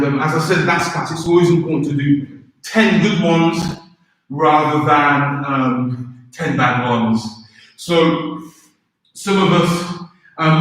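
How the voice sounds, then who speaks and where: A man leading a live beginner karate workout, giving informal, encouraging instructions and counting out exercise commands. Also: on the high side. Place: echoey indoor room, recorded from a distance. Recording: very echoey room, distant microphone.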